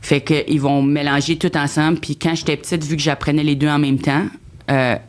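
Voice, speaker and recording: A woman's voice: low voice, flat delivery, a little fast. Rambling Acadian woman, chatty guest. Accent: Acadian French. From New Brunswick, Canada. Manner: rambling, mixes English into French. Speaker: podcast guest. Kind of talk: casual chat.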